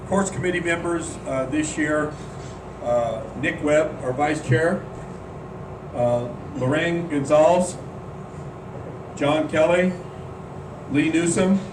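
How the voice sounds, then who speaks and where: A man on the board of a golf club chairs a meeting and makes announcements, his slightly high voice halting and full of "uh"s. He's recorded from a distance in a roomy meeting room with a hum in the background.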